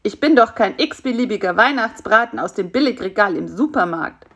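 A bossy, scheming fat spider , played by a woman, mock-polite and commanding. His voice swings up and down and has a gravelly rasp. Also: medium pitch, expressive, normal speed, a bit bright, lo-fi sound. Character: fat scheming male spider, fussy host.

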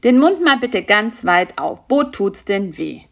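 A woman voicing a fussy, polite male mosquito dentist, brisk and professional. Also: mid-range voice, very animated, creaky.

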